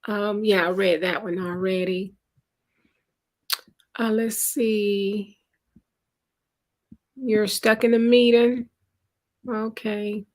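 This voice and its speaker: A woman hosting a live stream in a casual, conversational way, greeting viewers by name and reading their chat comments aloud. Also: mid-range voice. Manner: unhurried, conversational. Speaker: livestream host.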